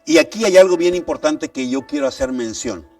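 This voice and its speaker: A male pastor preaching with a gravelly, somewhat high voice. His delivery rises and falls widely, and he pushes his points with rhetorical questions. He sounds distant from the mic, with faint music underneath. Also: expressive, fairly quick, darkish tone. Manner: emphatic, reads scripture aloud, asks rhetorical questions. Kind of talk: sermon.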